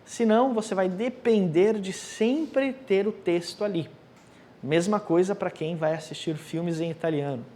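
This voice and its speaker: A man teaching Italian, explaining pronunciation and repeating phrases slowly with careful articulation. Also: high-pitched, darkish tone, slight background noise. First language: Portuguese. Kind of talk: language lesson, modeling pronunciation for repetition.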